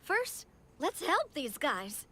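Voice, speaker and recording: A woman voicing a calm, wise young queen in a video game, speaking with gentle, measured authority. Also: high voice, slight background noise, heavily acted.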